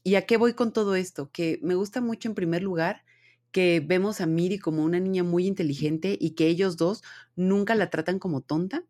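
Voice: medium pitch, normal speed, darkish tone. A podcast host in their thirties with a Mexican accent, chatting casually and animatedly about an anime, full of slang and fillers. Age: 30s. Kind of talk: casual anime review chat.

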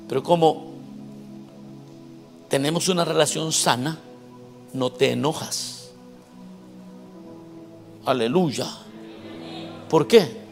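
A man's voice: on the high side, vocal fry. A man preaching a sermon in an emphatic way, asking his congregation questions as he goes. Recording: long hall reverb with faint music.

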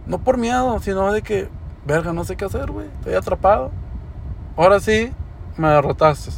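Young guy, high gravelly voice, casual swearing storyteller, faint street noise behind. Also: lively intonation, moderate pace. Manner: slangy, swears often, says "güey" constantly. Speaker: podcaster.

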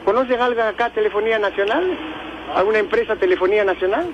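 A man answering a public phone out on the street, brusque and firing off questions, with loud street noise around him. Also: high-pitched, quick pace, lo-fi sound. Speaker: prank call victim.

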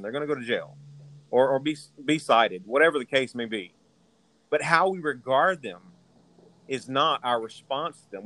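A man's voice: mid-range voice, sharp tone, dry recording, poor audio. Emphatic Southern preacher man. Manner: emphatic, repeats key words for stress. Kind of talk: sermon teaching.

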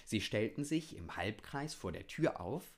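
A man reads a children's story aloud in a calm, gentle manner. His voice is fairly low and he takes an unhurried, slow pace.

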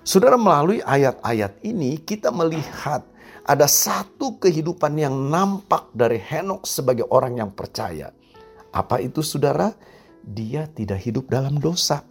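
Husky preacher with animated delivery. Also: male voice, normal speed. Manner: preaching with lively swings in pitch and volume, often addressing "saudara". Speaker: pastor. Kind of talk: sermon. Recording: radio broadcast with faint music.

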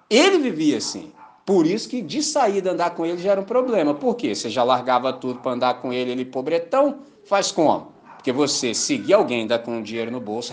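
A male pastor preaching a sermon at a church service. He talks in a casual, slangy way and keeps asking his listeners if they follow. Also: medium pitch.

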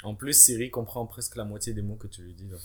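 A man's voice: fairly low pitch, fast talker, darkish tone. A man in a casual group conversation about technology, making sarcastic remarks. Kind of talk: casual tech discussion.

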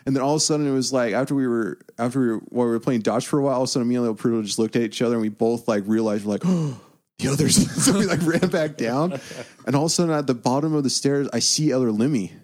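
A man's voice: medium pitch, racing, a little mellow. A young man casually telling stories about his mission, laughing often as he talks. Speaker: guest. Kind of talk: casual storytelling.

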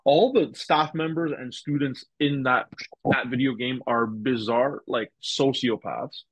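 A young man in casual podcast chat with a husky, slightly rough voice, wandering through his points and often restarting his sentences. The recording is dry and close, with no room sound. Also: medium pitch, unhurried, no echo. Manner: rambling, heavy use of "like" and restarts. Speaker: podcast guest.

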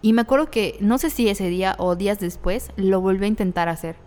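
Mexican girl telling a story on a podcast, smooth clear voice, lots of slang, roomy reverb. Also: mid-range voice, brisk, darkish tone. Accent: Mexican Spanish. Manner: candid, laughs through hard memories, slangy. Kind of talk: casual conversational storytelling.

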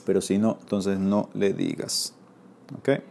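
A man's voice: deep voice, level tone, a little slow, gravelly, mellow. A man teaching a Talmud class, reading Aramaic and explaining it in Spanish, often checking with his listeners. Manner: reads Aramaic then explains in Spanish, asks "¿ok?".

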